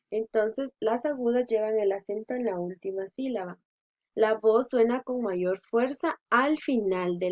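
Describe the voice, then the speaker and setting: A woman teaching a class, explaining patiently and stretching out syllables to stress them. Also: a little high. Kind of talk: slow explanatory lesson for children. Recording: dull lo-fi sound.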